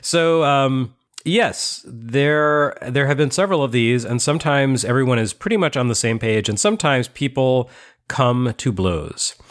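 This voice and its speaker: A man's voice: mid-range voice, measured pace. Laughing, chatty male podcast host. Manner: chatty, self-mocking, laughs often. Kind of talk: casual chat.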